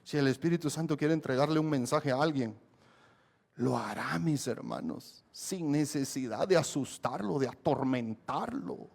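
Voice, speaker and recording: A man's voice: medium pitch, normal speed, vocal fry, darkish tone. A man preaching a sermon as a pastor, emphatic and repetitive, often asking the congregation questions. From Guatemala. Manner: emphatic preaching, repeats key phrases, asks the congregation questions.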